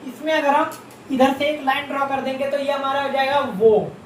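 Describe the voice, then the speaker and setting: In this beginners' lesson on Japanese script, a male language teacher speaks at an extremely high pitch with fairly even intonation, patiently repeating every sound and answering his own questions. Expect a little hiss or hum, an echoey room, a far-off mic and faint ambience.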